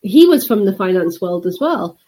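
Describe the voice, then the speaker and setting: Mellow woman hosting a podcast. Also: medium pitch, sing-song, moderate pace. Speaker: podcast host and interviewer. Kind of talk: conversational interview.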